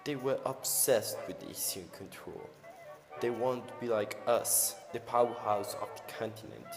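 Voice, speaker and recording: A man's voice: mid-range voice, measured pace. A man narrating in the manner of an old newsreel, with a solemn announcer delivery and slightly awkward phrasing. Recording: roomy long reverb over clear music.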